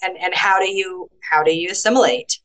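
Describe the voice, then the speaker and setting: Animated woman telling stories. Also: lowish voice, fairly quick, low-quality recording. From United States. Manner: animated storytelling, acts out quoted voices. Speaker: guest author. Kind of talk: casual conversational interview.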